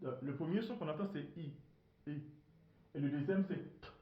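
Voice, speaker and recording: A man teaching vowel sounds in a bilingual lesson, slowly repeating each sound many times. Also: a little high. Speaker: language teacher. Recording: roomy, dull lo-fi.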